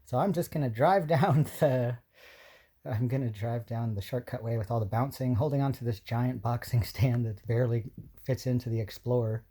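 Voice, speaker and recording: An emotional man near tears, talking to a partner in a rambling, halting way with nervous laughs and many restarts. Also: medium pitch, mellow, breathy edge. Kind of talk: personal video message to a partner.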